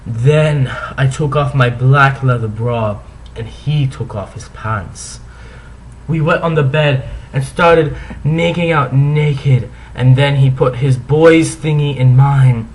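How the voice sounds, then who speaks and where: A man's voice: medium pitch, poor audio. A man giving a comic dramatic reading, theatrical in delivery, with sarcastic asides as he comments on the text. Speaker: reader and commentator.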